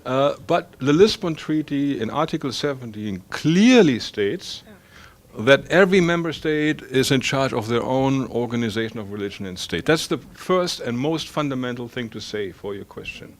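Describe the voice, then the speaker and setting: A man's voice: mid-range voice, expressive, moderate pace. A man from Germany with a German accent, speaking on an academic panel and thinking aloud with many fillers and restarts.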